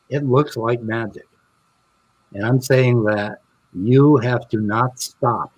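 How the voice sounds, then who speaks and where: A man's voice: mid-range voice, darkish tone, breathy edge, no room sound, low-quality recording. A man in a casual video-call debate who argues earnestly and explains his point with long examples. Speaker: critic in a debate on creation and science.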